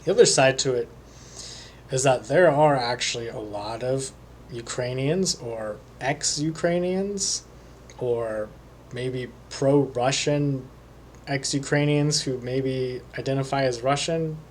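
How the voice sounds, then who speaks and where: Slow, hesitant man musing aloud. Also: medium pitch, slight background noise. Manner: slow, hesitant, many pauses and fillers. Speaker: psychic reader. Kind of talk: solo monologue.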